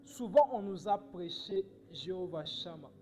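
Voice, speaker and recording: A man preaching a sermon in short phrases, pausing for his interpreter and rising to emphatic cries. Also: sits high, expressive, warm tone, slight background noise, low-quality recording.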